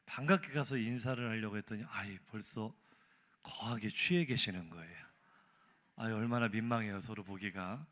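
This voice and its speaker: A Korean male pastor preaching a Sunday sermon, telling a humorous story and acting out the dialogue with sudden loud and soft turns. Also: on the low side, normal speed. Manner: storytelling with acted dialogue and dramatic swings in volume. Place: church sanctuary.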